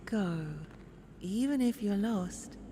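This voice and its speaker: Slow, echoing, eerily soothing mother played by a woman. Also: medium pitch, warm tone, natural voice. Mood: soothing, clinging. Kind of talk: scripted video game acting. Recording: long reverb, background noise.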